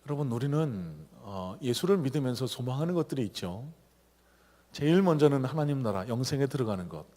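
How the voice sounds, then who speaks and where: A middle-aged man preaching a sermon as a pastor, swinging between loud calls and low, quiet asides. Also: animated, a little fast. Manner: acts out shouted cries and quoted voices. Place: church sanctuary. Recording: long hall reverb of a church.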